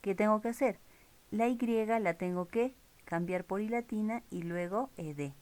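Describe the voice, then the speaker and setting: A woman's voice: mid-range voice, a little slow, darkish tone. A woman teaching English grammar in a recorded lesson, explaining rules step by step and checking in with her viewers. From Peru.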